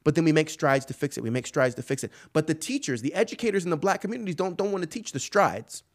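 A man with a slightly high voice hosts a podcast, talking quickly in impassioned solo commentary. He repeats points emphatically and poses rhetorical questions.

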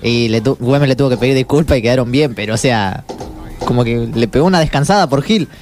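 A man's voice: mid-range voice, fast talker, darkish tone, faint music behind. A man hosting a podcast with an Argentine Spanish accent, talking in a rowdy, slangy way. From Misiones, Argentina. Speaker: podcast host. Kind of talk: casual podcast chat.

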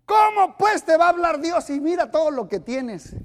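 An older man preaches as a pastor in a very high, animated voice at a moderate pace. His energetic Pentecostal-style sermon is emphatic and repetitive, leading the congregation in call-and-response.

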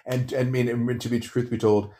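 Chatty guy, kinda high, telling work stories, does the voices of people he quotes. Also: little pitch movement, normal speed, dark tone. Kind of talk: casual chat.

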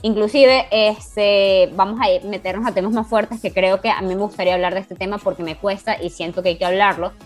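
A woman in her twenties co-hosting a podcast, telling a story in an animated, casual way and laughing often. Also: mid-range voice, brisk, few pauses, soft background music. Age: 20s. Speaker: podcast co-host.

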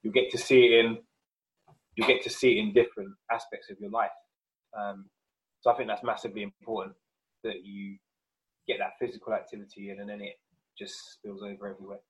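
This fitness podcast guest, a personal trainer, has a fairly low voice and a flat, brisk delivery broken by frequent pauses. The recording is rough, and he explains things in a loose, conversational way.

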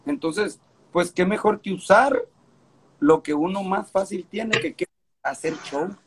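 Higher-pitched northern Mexican man, street slang. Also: unhurried, background noise. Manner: street slang, swearing, repeats phrases for emphasis. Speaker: skateboarding event organizer. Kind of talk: casual interview chat.

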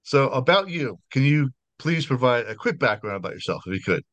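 Over a video call, a US podcast host interviews someone for his horror show, chatting away, apologizing and repeatedly restarting what he says. His mid-range voice swings widely in pitch, runs a little fast and sounds fairly bright, though the dry recording is somewhat dull.

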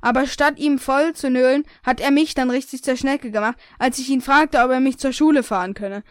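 High-voiced young woman reading her story. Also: fairly even intonation, fairly quick, clean tone, dry recording, studio quality. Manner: casual reading with slips and self-corrections. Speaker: reader of her own story. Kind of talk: reading a self-written story aloud.

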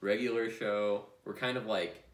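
A man's voice: lowish voice, fairly even intonation, normal speed, distant mic. Laid-back young man, roomy and off-mic. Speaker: podcast co-host. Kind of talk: casual chat.

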